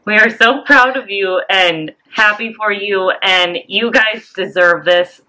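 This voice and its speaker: A woman's voice: medium pitch, slow pace, bright, forceful tone, faint music behind. A woman co-hosting a vlog in casual chat, upbeat and teasing. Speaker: channel co-host.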